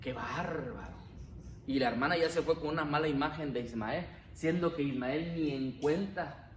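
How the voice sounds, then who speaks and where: A man teaching a Bible class, lively and joking, often asking the class questions. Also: on the high side, normal speed. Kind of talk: classroom lecture. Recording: echoey classroom, faint room noise.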